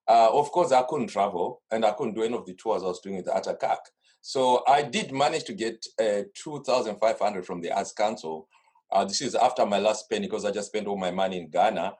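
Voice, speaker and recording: This guest is a middle-aged carnival organiser with a Zimbabwean accent, chatting at length on a video call at his home studio desk. A husky, darkish voice on the low side moves a little fast as he rambles through stories, frequently starting over.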